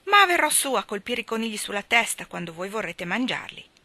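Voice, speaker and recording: A woman voicing a rough, boastful country boy who loves rat-catching, talking in a folksy way that repeats his own words. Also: medium pitch, sing-song, a little fast, pushed and bright, no room sound, voice pushed up, exaggerated voice.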